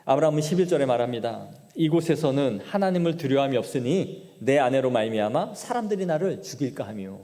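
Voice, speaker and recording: Korean pastor preaching in a reverberant hall. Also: male voice, mid-range voice, animated, a little fast, hardly any pauses, dark tone. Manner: retells scripture with dramatic paraphrase. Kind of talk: sermon. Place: church sanctuary. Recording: long church hall reverb.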